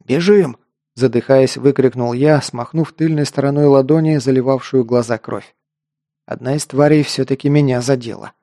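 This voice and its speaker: A man's voice: mid-range voice, moderate pace, no echo, clean studio sound. Man reading a fantasy audiobook. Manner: steady storytelling, dialogue acted with raised voice. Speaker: audiobook narrator. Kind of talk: scripted first-person fantasy narration.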